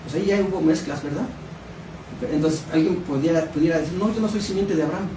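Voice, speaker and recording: A man from Mexico delivers a Bible study sermon in a church hall, reading scripture and quizzing the congregation, in a fast, fairly high-pitched voice. A distant microphone picks up an echoey room and background noise.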